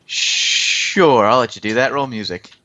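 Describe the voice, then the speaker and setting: A man narrating as game master of a tabletop role-play stream, relaxed and loose, with plenty of fillers. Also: mid-range voice, a little slow.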